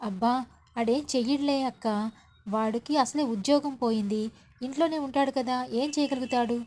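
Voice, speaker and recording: A woman voicing a man calmly reassuring his worried older sister. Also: sits high, moderate pace. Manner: dismissive, reassuring. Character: calm reassuring younger brother.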